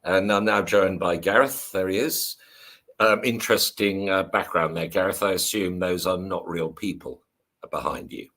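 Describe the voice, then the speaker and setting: An older man hosting an online history show, chatting in a relaxed way with fillers as he introduces his guest. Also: deep voice, moderate pace. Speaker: show host. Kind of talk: hosting a video call interview.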